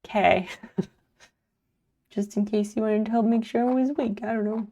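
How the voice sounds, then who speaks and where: A woman's voice: on the high side, fairly even intonation, normal speed, mellow. A woman live streamer chatting casually while sleepy and yawning, rambling and swearing offhandedly.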